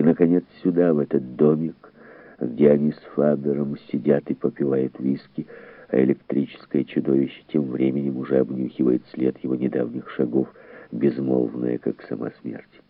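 Very deep gravelly male audiobook narrator. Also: dry recording. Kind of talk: scripted literary narration. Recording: tinny phone-like dry recording.

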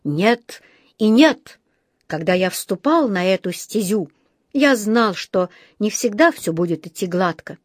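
A woman voicing a flustered middle-aged male dentist who speaks in a brisk, huffy way, in a storybook reading. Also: mid-range voice, animated, no echo, studio quality. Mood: shaken.

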